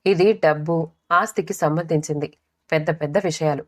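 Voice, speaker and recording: A woman's voice: low voice, moderate pace. A woman voicing an impatient young husband who talks down to his wife in an audiobook story. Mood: condescending. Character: dismissive young husband, condescending.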